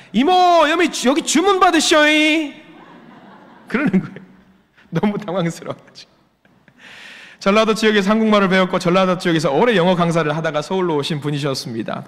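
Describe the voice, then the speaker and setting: Man in his 40s, pastor; high voice, emphatic sermon delivery, long hall reverb. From Jeolla region, Korea. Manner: emphatic, repeats rhetorical questions. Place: church sanctuary.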